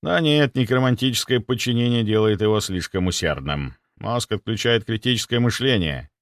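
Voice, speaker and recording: A man reading a story aloud as the narrator, with a dry, lively manner. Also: lowish voice, normal speed, no echo. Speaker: audiobook narrator. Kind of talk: scripted narration.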